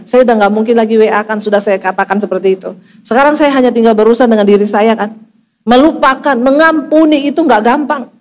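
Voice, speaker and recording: A middle-aged woman pastor, preaching a storytelling sermon and acting out each voice with big pitch swings. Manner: acts out dialogue with dramatic pitch swings.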